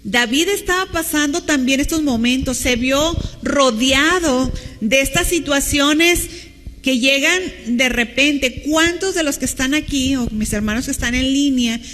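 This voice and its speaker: A woman's voice: sits high, measured pace, a bit bright, big-room sound, faint music behind. A woman pastor with a Mexican Spanish accent, preaching a teacherly sermon and asking the congregation questions. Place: church hall with long reverb.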